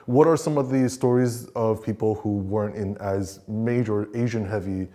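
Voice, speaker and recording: Low, mellow-voiced male host. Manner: casual, halting questions with fillers. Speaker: news show host. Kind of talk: interview hosting.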